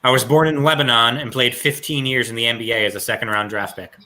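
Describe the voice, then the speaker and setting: Bright-voiced man reading trivia clues. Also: mid-range voice, steady tone, quick pace. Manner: reads clues aloud, laughs easily. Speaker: trivia quiz host.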